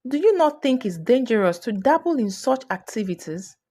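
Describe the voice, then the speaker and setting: A woman's voice: fairly high pitch, very animated, moderate pace, mellow, breathy edge. A woman voicing a stern, cautious male preacher in a storybook tale, speaking earnestly and warning.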